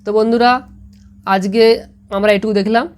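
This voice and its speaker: A woman's voice: fairly high pitch, fairly even intonation, darkish tone. Patient Bengali-accented woman teaching pronunciation. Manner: patient, repeats words slowly, asks "ঠিক আছে?" often. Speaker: English teacher. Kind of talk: explaining lesson to students.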